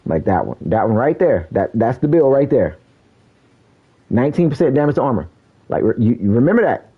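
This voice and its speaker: With big pitch swings and a slightly rough voice, a man talks a little fast while streaming a game, calling out enemies, using slang and saying "bro" a lot in casual live commentary. His poor stream mic sounds phone-quality.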